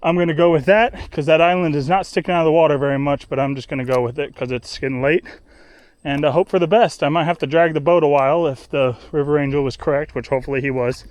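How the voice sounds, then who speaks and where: A fairly high-voiced young man narrates his river journey outdoors, cheerful and easygoing. He stumbles over words and leans on fillers as he goes. The talk stays loose, like an unscripted travel vlog. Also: fast talker, darkish tone, no room sound. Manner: easygoing and upbeat, with many fillers and restarts. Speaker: solo river traveler vlogging his trip.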